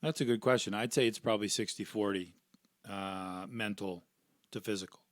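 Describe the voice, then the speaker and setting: A former pro hockey player appears as a podcast guest in a casual interview chat, sounding earnest and reflective. His voice is lowish and his pace normal, and he keeps checking in with "right?" and sprinkling in "you know." The studio-quality recording has no room sound.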